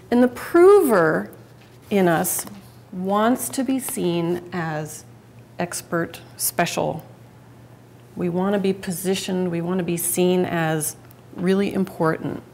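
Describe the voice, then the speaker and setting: A woman's voice: fairly low pitch, slow pace, a little mellow, slight background noise. A woman giving a live public speaking talk to an audience, chatty and conversational, often restarting and correcting herself mid-sentence.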